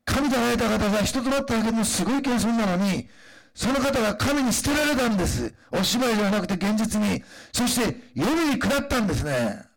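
A man preaching a sermon in a conversational way, pausing often with fillers and then rising into emphatic declarations. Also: sits high, expressive, creaky. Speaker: pastor.

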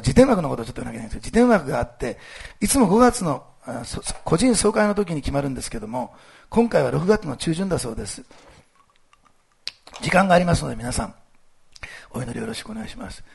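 This is a male pastor with a strongly gravelly, husky voice. He preaches in a lively, animated way, full of fillers, and talks quickly. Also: on the high side. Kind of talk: sermon with church announcements.

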